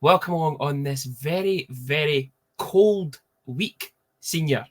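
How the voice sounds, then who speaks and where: A man's voice: fairly high pitch, takes it slowly. A young man with a broad Scottish accent, hosting a casual sports chat in an informal, sweary manner. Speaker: podcast host.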